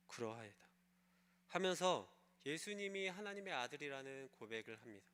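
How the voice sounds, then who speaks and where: A man's voice: medium pitch, pushed and bright, clear, resonant tone. A male pastor preaching a sermon, telling a story and putting questions to the congregation. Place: church service.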